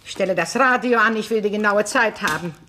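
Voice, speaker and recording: A woman's voice: mid-range voice, quick pace, bright, forceful tone, slight background noise, natural voice. An actress playing an elderly mother in a radio play, fussy about order and time, who grows tired. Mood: impatient. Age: older. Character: weary elderly mother visiting her daughter.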